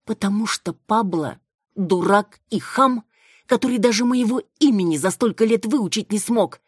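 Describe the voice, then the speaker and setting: A woman voicing a defiant, sharp-tongued young village woman who scorns an arranged match. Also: mid-range voice, normal speed, husky, no echo, studio quality, voice pushed up, lightly acted. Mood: defiant scornful. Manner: scornful, cutting.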